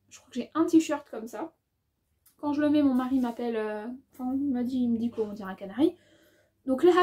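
Sewing vlogger with an accent, high voice, soft and mellow tone, chatty and musing with lots of fillers. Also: female voice. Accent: has an accent of her own. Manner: chatty, thinks aloud while measuring fabric; lots of hesitations and filler words. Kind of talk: casual haul video chat.

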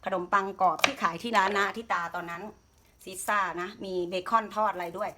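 A woman's voice: mid-range voice, steady tone, fairly quick, noisy background. A woman hosting a casual home cooking video, chatting and explaining as she prepares a salad.

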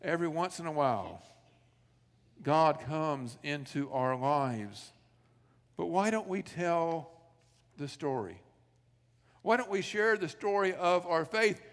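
A man's voice: a little high, expressive, slow pace, pauses often. A male pastor preaching a sermon in a church sanctuary, telling stories, asking rhetorical questions and acting out quoted dialogue. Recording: long reverb of a church sanctuary.

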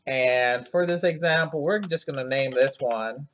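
A man's voice: mid-range voice, a little slow, fairly bright tone. A man hosting a screen-recorded coding tutorial, talking in a laid-back, rambling way full of ums and asides.

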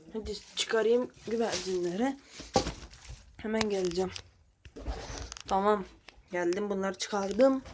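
A woman's voice: medium pitch, noisy background. A woman keeping pigeons, talking viewers through her birds in a chatty, blunt way and swearing now and then. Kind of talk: casual vlog commentary to viewers.

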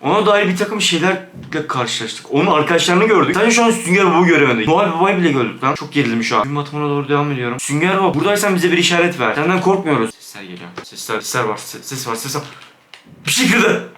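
Excitable young man narrating a spooky game. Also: fairly high pitch, fast, reverberant. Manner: jumpy, excitable, switches to hushed scared whispers. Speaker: gaming YouTuber. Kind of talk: Minecraft let's play commentary.

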